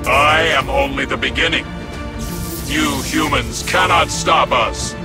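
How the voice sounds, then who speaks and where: An actor voicing a menacing male robot overlord in a video game, with a booming metallic voice and a solemn, threatening delivery. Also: slow. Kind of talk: video game cutscene voice acting. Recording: loud game music underneath.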